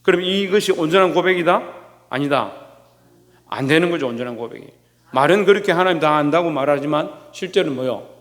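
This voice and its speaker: Korean pastor preaching in a reverberant hall. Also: male voice, fairly high pitch, animated, a little fast, fairly bright tone. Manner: asks the congregation questions and answers them himself; acts out quoted scolding in a raised voice. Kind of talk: sermon. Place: church sanctuary.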